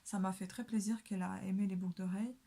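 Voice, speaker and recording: A woman's voice: mid-range voice, steady tone, fast talker, creaky, dark tone, husky. A young woman chatting casually while doing her makeup, full of hesitations and fillers. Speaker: beauty vlogger.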